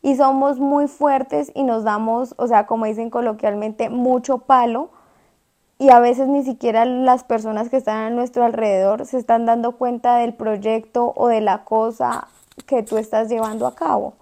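Reflective woman with a warm, higher voice. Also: fairly even intonation, normal speed. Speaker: podcast co-host. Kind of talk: casual chat.

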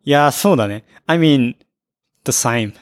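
A man in relaxed podcast banter who breaks into laughter often. His voice sits in a plain middle register. The recording is dry and close, with no room sound. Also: medium pitch, takes it slowly, no room sound. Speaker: podcast co-host. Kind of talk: casual chat and reading a listener letter.

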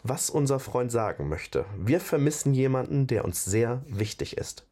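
A calm, level-headed companion, voiced by a man reading a fantasy audiobook, lively in his pitch. He speaks in a measured, soothing way and tries to smooth tense moments over. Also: natural voice. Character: calm, diplomatic adult male companion.

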